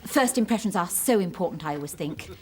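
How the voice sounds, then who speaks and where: A woman's voice: fairly low pitch, expressive, fast, darkish tone, lightly acted. An actress playing a prim snobbish woman. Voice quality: prissy, genteel, fussy. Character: prim, pretentious social-climbing woman writer. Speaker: sitcom character. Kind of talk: studio sitcom acting.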